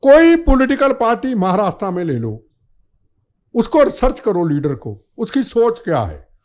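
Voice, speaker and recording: An older man talks with heat and fire, building each point through insistent repetition. His voice sits high for a man. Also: very animated, a little slow, a little mellow. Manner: fiery, declamatory, repetitive rhetoric. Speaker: podcast guest, former minister. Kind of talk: impassioned political talk.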